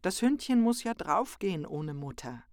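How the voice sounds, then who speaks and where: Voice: mid-range voice, big pitch swings, normal speed, a little mellow, no room sound, studio quality, pitched above the performer's own voice, close to an everyday voice. A storyteller voicing a worried, scolding grandmother in a children's story, her lines raised and fretful.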